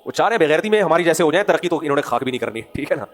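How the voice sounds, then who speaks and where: A man with a somewhat high voice and a Pakistani Urdu accent delivers a religious lecture to a gathered audience. He preaches with animation, pressing home loud rhetorical questions before sliding into quieter asides. Faint music sits under the recording. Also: animated. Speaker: Islamic scholar giving a lecture.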